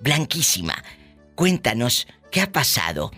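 A Mexican woman hosts a gossip show with a theatrical, teasing delivery. Her pitch swings widely as she talks, and she sounds quick to react. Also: big pitch swings, bright, forceful tone, soft background music. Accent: Mexican Spanish. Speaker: podcast host.

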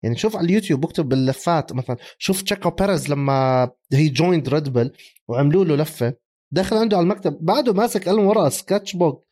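A man, co-hosting a casual sports chat. He is animated, laughs often and mixes English phrases into his speech. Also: on the high side, fast. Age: 30s. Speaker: podcast co-host.

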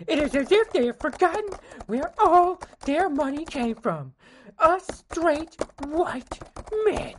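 A man voicing a whiny, outraged male nerd fanboy in a shrill, melodramatic rant. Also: a bit bright, slight background noise, exaggerated voice.

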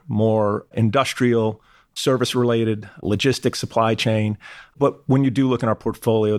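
A man's voice: fairly low pitch, a little mellow, dry recording, studio quality. A middle-aged or older man giving conversational answers as an executive guest in an interview.

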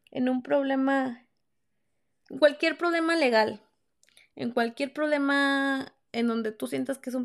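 A young woman with a Mexican accent hosts a podcast and tells her story in blunt, slangy casual chat. Her voice sits high and carries a gravelly vocal fry. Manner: candid, slangy and profane, acts out quoted lines. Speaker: podcast host.

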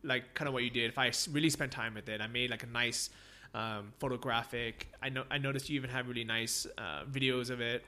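An American podcast host runs a casual interview, rambling with lots of fillers and frequent laughs. His mid-range voice is bright and forceful, with fairly even intonation, a slightly fast pace and few pauses.

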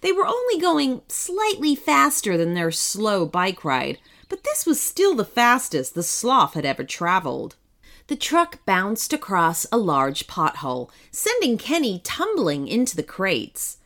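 Animated woman reading a children's story. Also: mid-range voice, measured pace. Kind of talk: scripted narration for children.

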